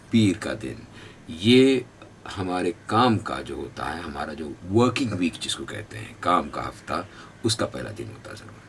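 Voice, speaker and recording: A man's voice: deep voice, a little hiss or hum. A man with a North Indian accent teaching English pronunciation, repeating each word for the learners to copy. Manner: drills pronunciation by repeating words. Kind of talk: spoken English lesson. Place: classroom or institute.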